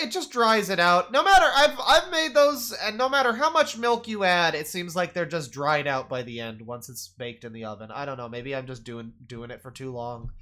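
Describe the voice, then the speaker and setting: A man streaming profane reaction commentary on a cooking video, jumping from loud outbursts to mumbled asides and stammering as he riffs. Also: fairly high pitch. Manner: stammers and restarts while riffing.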